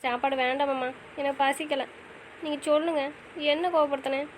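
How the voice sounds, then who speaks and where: Pleading, quick, high-voiced woman. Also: steady tone, slight background noise, low-quality recording. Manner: pleading, questioning. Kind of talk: casual audio drama acting.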